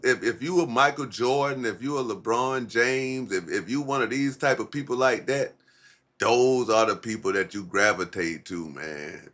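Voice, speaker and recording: A livestream host rambles in a laid-back stoner way, packed with slang and swearing, on a casual, profane stream. His voice is medium in pitch and a bit bright.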